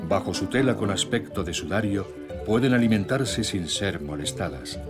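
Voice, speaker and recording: A man narrating a scripted nature documentary in a measured, solemn storytelling way. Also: fairly low pitch, lively intonation. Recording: music bed with nature sounds. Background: music, birdsong and nature sounds.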